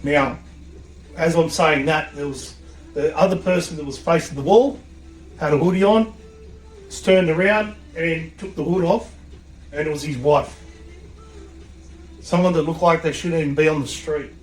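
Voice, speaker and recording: A man, a podcast guest and coach, telling an animated story in a blunt, swearing way. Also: on the high side, moderate pace, pauses often, faint music behind. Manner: blunt, swears freely, acts out quotes. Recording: echoey room.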